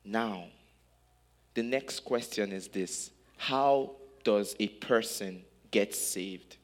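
A man from Nigeria preaches slowly, in short phrases with pauses, in a fairly low voice. He waits after each line so it can be interpreted. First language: not German. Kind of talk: sermon in English with live interpretation.

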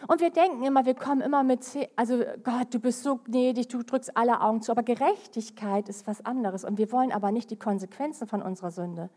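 A woman's voice: fairly high pitch, fast talker, few pauses. Emphatic woman preaching a sermon. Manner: lively, emphatic preaching with sudden rises and drops in loudness.

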